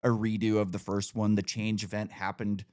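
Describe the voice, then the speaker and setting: A man's voice: on the low side, level tone, normal speed, darkish tone. A man in his thirties hosting a casual podcast conversation, chatty and opinionated, leaning on "like" and "you know". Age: 30s. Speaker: podcast host.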